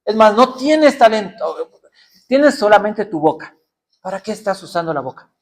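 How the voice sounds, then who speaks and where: A middle-aged preacher man with a notably high voice. He preaches by firing rhetorical questions at his listeners. He slips into mock voices to act out their excuses. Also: sing-song, normal speed. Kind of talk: sermon.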